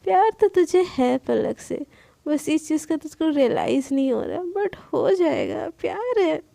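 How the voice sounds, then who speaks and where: A woman voicing a young male best friend who talks calmly, teasing and reassuring. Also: high voice, a little slow, creaky, no echo.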